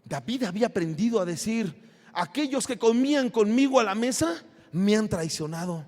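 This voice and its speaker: High-voiced Mexican pastor preaching loudly. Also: male voice, animated, normal speed, in a large hall. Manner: impassioned preaching, swings from shouts to low asides. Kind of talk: sermon. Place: church sanctuary.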